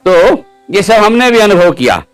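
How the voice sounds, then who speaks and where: A man's voice: high voice, a little slow, clear, resonant tone, soft background music. A male preacher telling his testimony in a sermon, keeping the audience involved with frequent questions. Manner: lively storytelling, quizzing the audience with questions.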